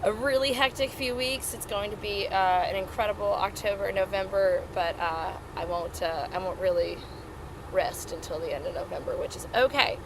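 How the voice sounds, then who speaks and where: A woman's voice: medium pitch, normal speed, background noise. A woman hosting a casual livestream from inside a small RV trailer, talking in a folksy, chatty, welcoming way. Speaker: livestream host and singer-musician. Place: inside an RV with air conditioning running. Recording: small trailer interior, music behind.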